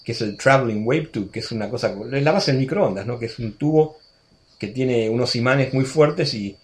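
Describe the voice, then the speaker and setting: A man's voice: mid-range voice, moderate pace. A man in his sixties with an Argentine accent, a radio guest telling stories in a chatty way, full of restarts and asides. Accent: Argentine Spanish. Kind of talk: casual storytelling interview.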